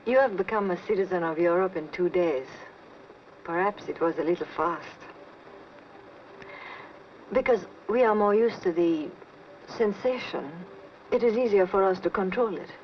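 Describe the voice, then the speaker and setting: An actress playing a composed, world-weary European woman in a 1940s film, speaking in a measured, gentle way. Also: on the low side, close to an everyday voice. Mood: subdued, reflective. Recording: muffled, noisy old film soundtrack.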